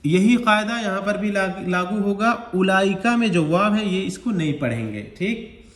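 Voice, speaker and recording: A man's voice: high voice, lively intonation, a little slow, fairly bright tone, echoey room. A man teaching Quran recitation step by step, explaining each rule patiently and stretching out the words he recites. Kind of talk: slow step-by-step recitation lesson.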